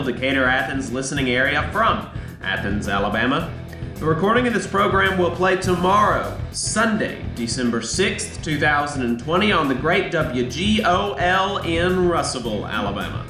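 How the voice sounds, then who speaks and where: A man's voice: fairly high pitch, reverberant. A man hosting a radio show, reading a scripted intro in a voice worn by a cold. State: sick voice from a cold.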